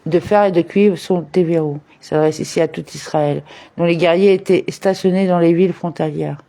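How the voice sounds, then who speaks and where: A man reads a religious commentary aloud at a measured, even pace. His voice is mellow and relaxed, and he works Hebrew terms and chapter-and-verse references into the reading. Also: a little high, creaky. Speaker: reader of a daily study text.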